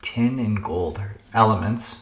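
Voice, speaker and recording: Slow, musing man solving puzzles aloud. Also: fairly low pitch, a bit bright, reverberant. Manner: slow, musing, talks through guesses with frequent hesitations. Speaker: puzzle game channel host. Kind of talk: casual thinking-aloud puzzle commentary.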